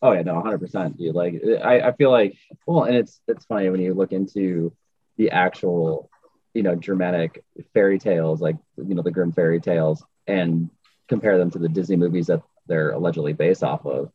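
Hosting a podcast, a man chats casually in an informal, slangy, emphatic style. His tone is steady, with a breathy edge and a moderate pace, and the audio is roomy, muffled, and low-fidelity.

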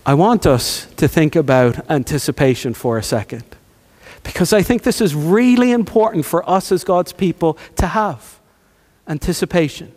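A man preaching a sermon, moving between hushed, slow lines and rising, near-shouted emphasis, with rhetorical questions and repeated phrases. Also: on the high side. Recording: long hall reverb.

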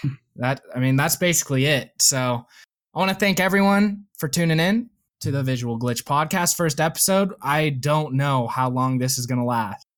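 A young man with a slight lisp hosts a gaming podcast in a loose, casual way. His voice sits at an ordinary middle pitch, and he leans on fillers and easy laughs. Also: normal speed. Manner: laid-back, filler-heavy, laughs often. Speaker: podcast host.

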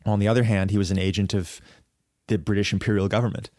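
Here the podcast co-host, a man with a fairly low and darkish voice, delivers a lengthy historical explanation with little pitch movement. He pauses and restarts phrases while working out his thoughts, and the recording is dry and close with no echo from the room.

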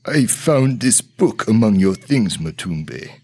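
A gentle old holy man, played by a man speaks in slow, solemn counsel to a grieving friend. His voice sits low and unhurried. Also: sing-song, husky, exaggerated voice.

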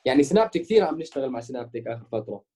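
A man's voice: mid-range voice, animated, very fast, warm tone, slightly rough. A young man with a Jordanian-Palestinian Levantine Arabic accent, chatting casually as an interviewed musician and mixing in English words. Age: young adult.

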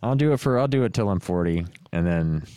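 A man's voice: deep voice, lively intonation, fast talker, mellow, clean tone, no room sound. A man in his thirties hosting a podcast, chatting in a laid-back way and swearing freely. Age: 30s. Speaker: podcast host. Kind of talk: casual podcast chat.

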